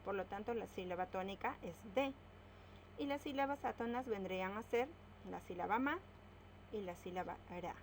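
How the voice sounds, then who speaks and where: A woman teaching a grammar lesson, slowly spelling out words and stressing each syllable. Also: mid-range voice, a little hiss or hum, rough recording.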